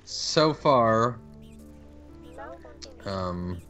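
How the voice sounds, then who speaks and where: A man co-hosting a casual gaming chat, speaking in a halting monotone with frequent restarts. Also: on the low side, muffled recording, soft background music. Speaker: co-host.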